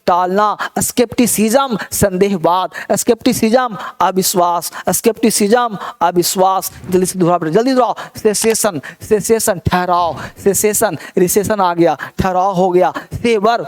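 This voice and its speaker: An energetic man runs a vocabulary lesson, calling out each word again and again and pushing students to repeat. His voice sits notably high for a man. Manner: energetic, repeats words and urges viewers to repeat. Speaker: English teacher.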